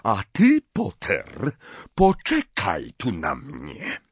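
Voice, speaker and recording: A man's voice: fairly low pitch, big pitch swings, slow pace, slightly rough, no echo, full character voice. A man voicing a stern, coldly furious teacher in an audiobook, with clipped commands. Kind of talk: audiobook character voice.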